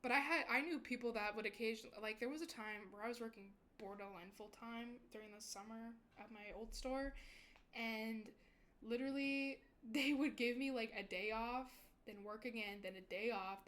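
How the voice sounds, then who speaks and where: A woman's voice: a little high, fairly bright tone. A young woman VTuber chatting casually with her stream viewers, rambling and giggling often.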